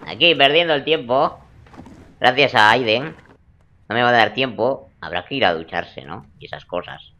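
A man's voice: medium pitch, animated, normal speed, sharp tone, dull audio. A young man giving joking, crude gameplay commentary in a teasing, playful way. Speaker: let's play gamer.

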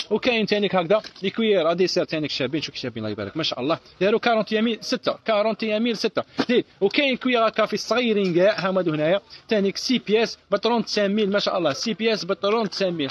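A man running a live sales pitch as a shop seller, repeating each price over and over. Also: dull audio.

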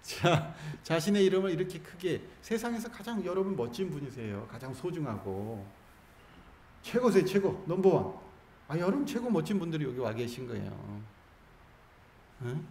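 A man's voice: on the high side, sing-song, normal speed, darkish tone, a little hiss or hum. A man, a Buddhist monk, giving a Sunday dharma talk and coaxing his listeners through call-and-response practice with jokes. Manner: playful, coaxing, jokes with the audience. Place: temple hall. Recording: roomy hall with faint ambience.

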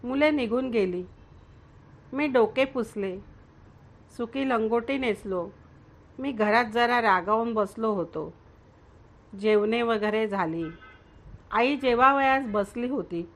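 A woman storyteller reading aloud slowly and gently, each phrase measured out. Her voice sits a little high for a woman, calm and even in its storybook narration.

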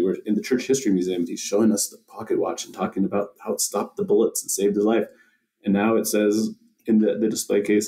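Low-voiced, dark-toned host asking rambling questions. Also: male voice, distant mic. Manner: rambling, hesitant questions with fillers. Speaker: podcast host. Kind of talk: casual interview questions.

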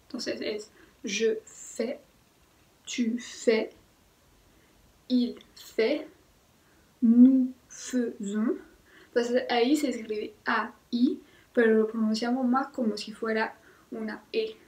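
French-born woman, native French speaker, patient language teacher, slightly high pitch, slow deliberate delivery, roomy echo. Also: a little mellow. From France. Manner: slow, careful modeling of French conjugations. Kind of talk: language lesson.

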